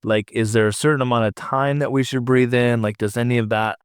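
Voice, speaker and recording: A man hosting an interview podcast, asking eager, quick follow-up questions. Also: mid-range voice, fairly even intonation, clear, resonant tone, no room sound, clean studio sound. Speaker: podcast host. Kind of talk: casual interview chat.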